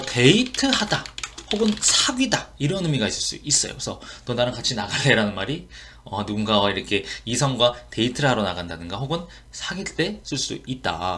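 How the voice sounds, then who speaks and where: Korean man teaching English phrases, lively pitch. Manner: explains phrases slowly, repeating English lines. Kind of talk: online English lesson.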